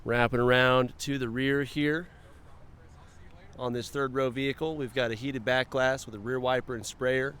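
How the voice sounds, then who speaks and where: Smooth and fairly bright, the mid-range voice holds a fairly even intonation at a moderate pace. The man narrates a relaxed dealership walkaround, commenting to himself as he moves from around the car's exterior to inside it.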